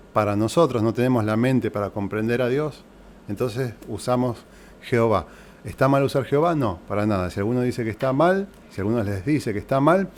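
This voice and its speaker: A man's voice: medium pitch, darkish tone, slight background noise. Argentine man teaching a sermon. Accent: Argentine Spanish. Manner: explains step by step, repeats key points, asks the congregation rhetorical questions. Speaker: pastor. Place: church hall.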